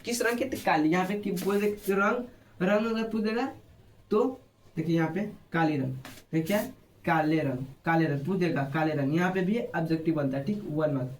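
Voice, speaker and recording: There's a slight hiss or hum behind this man's somewhat high voice as he moves at a moderate pace through an exam-prep lesson. With his Bihari Hindi accent, he quizzes listeners with brief questions and then repeats the answers.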